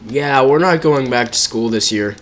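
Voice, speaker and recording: A man of ordinary pitch streaming a video game, talking loosely to his viewers between moments of play. His chat is casual and rambling, and faint keyboard typing runs underneath. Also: normal speed, fairly bright tone, slight background noise. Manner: chatty, talks to viewers between game reactions. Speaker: live streamer. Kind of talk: casual gaming live stream commentary.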